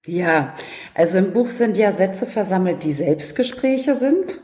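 A woman author and coach telling lively anecdotes in casual talk, acting out quotes with laughs. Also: fairly low pitch, measured pace. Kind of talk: casual storytelling in a talk show. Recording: roomy echo.

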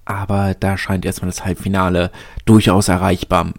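A man's voice: deep voice, little pitch movement, normal speed, vocal fry, dry recording, studio quality. A man hosting a podcast, talking through his thoughts in a casual, chatty way and often restarting his sentences. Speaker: podcast host. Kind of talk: casual spoken commentary.

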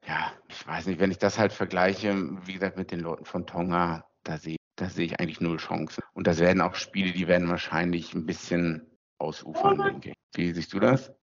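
Man, very deep voice, casual podcast host, hesitant, low-quality muffled sound. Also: sing-song. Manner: hesitant, many pauses and fillers. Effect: low-quality, muffled recording. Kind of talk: casual chat. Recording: muffled lo-fi recording away from home.

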